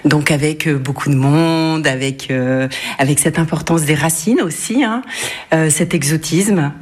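A woman with a low, settled voice speaks in an interview. She searches for her words as she goes, filling the gaps with pauses and restarts. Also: husky. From France. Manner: hesitant, many fillers and restarts. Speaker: interviewee, web radio volunteer. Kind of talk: casual interview answers.

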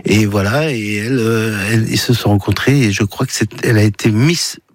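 A man in his sixties from the Paris area speaks in a low voice as an interview guest. He keeps restarting his sentences and stumbling over repeated words as he remembers. The sound is close and dry. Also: fairly quick, dry recording. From Paris region, France. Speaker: guest, filmmaker. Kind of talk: casual radio interview.

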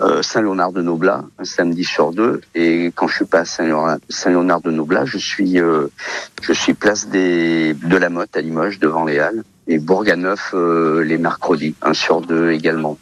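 Deep-voiced hesitant man in his fifties. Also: no room sound, dull audio. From Portugal. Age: 50s. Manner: hesitant, many fillers. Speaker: olive oil seller guest. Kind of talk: radio interview.

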